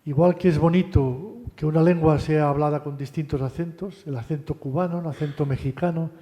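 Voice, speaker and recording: A man giving a university lecture in a relaxed, conversational way, often adding tag questions and restarting phrases. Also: on the high side, brisk, lo-fi sound. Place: lecture hall. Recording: long hall reverb.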